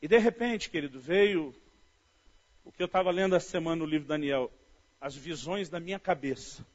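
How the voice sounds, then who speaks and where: A high-pitched man with a Brazilian Portuguese accent preaches in an animated storytelling style. He talks to his listeners warmly as "dear". The recording sounds dull and lo-fi. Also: moderate pace. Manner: storytelling, animated, often says "querido". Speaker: pastor. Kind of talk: sermon. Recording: dull lo-fi audio.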